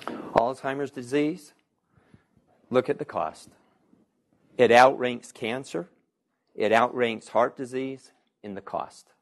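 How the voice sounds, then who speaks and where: A physician gives a conversational public health talk in a mid-range voice, taking it slowly and pausing often. He repeats questions from the audience and poses rhetorical questions to the room.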